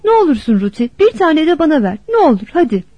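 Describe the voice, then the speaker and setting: A woman's voice: high-pitched, sing-song, quick pace, dark tone, dry recording, voice pushed up. Woman doing a small, whiny pleading boy. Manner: whiny, begging. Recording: dull dry lo-fi recording.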